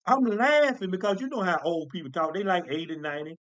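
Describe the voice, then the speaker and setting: High-voiced man preaching a sermon. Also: fast talker, fairly bright tone, no echo, muffled recording. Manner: folksy, emphatic preaching with repetitions.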